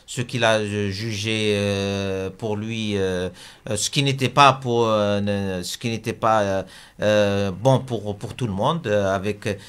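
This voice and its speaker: A man's voice: fairly low pitch, steady tone, slow, fairly bright tone, smooth. A man from Algeria, a business leader interviewed in a debate, talking hesitantly with many fillers and restarts.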